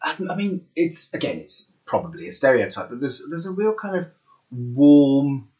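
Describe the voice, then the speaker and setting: A man's voice: mid-range voice, normal speed, husky. A man hosting a podcast, introducing his guest and chatting in an effusive, friendly way. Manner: warm, effusive, animated intonation. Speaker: podcast host and celebrant. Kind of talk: casual interview chat.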